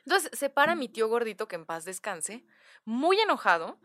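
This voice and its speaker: A Mexican woman tells a family story in a casual podcast chat. Her voice is bright and a little high, and she acts out her relatives' lines as she goes. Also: big pitch swings, moderate pace. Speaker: guest storyteller.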